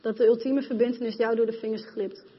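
A woman's voice: on the high side, steady tone, quick pace, slightly rough. Passionate woman preaching in a hall. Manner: passionate, addresses congregation directly. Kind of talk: sermon. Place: church hall. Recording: dull, reverberant hall sound.

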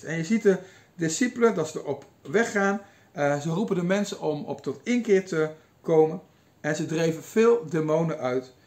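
A preacher with a high voice retells a Bible passage as a story in his sermon. He voices the figures with lively shifts in delivery, pausing now and then with small hesitations.

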